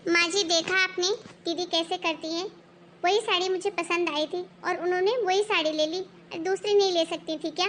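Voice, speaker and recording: A woman's voice: very high voice, steady tone, moderate pace, fairly bright tone, slight background noise. A woman voicing a touchy young daughter-in-law who complains that she is always passed over. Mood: aggrieved. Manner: complaining, aggrieved.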